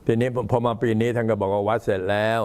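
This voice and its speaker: Low-voiced older Thai monk, an old man. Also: little pitch movement, fast talker, darkish tone, clear, resonant tone. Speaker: Buddhist monk addressing temple visitors. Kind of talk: informal talk, recounting temple history and announcements.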